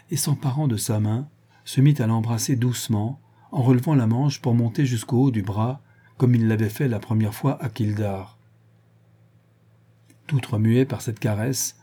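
Male audiobook reader, steady novel narration, deep mellow husky voice.

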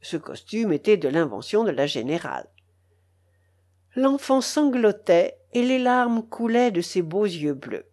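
A woman narrating a literary audiobook at an unhurried pace. Her delivery is measured, and her pitch moves lively through each sentence. Her voice sits at an ordinary middle height.

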